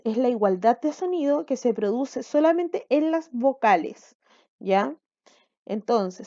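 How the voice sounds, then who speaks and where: Female school teacher, recorded lesson for kids, higher voice but mellow and warm, lo-fi dull recording, patient step-by-step explaining. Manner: explains step by step, often checks in with "¿ya?". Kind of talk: recorded online lesson for children.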